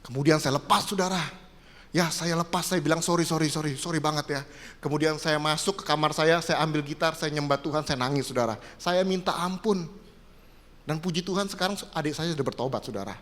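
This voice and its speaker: A man with a high, bright voice preaches in a large church hall, and his words ring out in the long echo of the room. He talks to the congregation in a casual, chatty way and keeps checking in with them. His delivery moves from hushed, low-key storytelling to sudden loud surges of excitement. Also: a little fast. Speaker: pastor. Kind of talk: sermon with personal testimony.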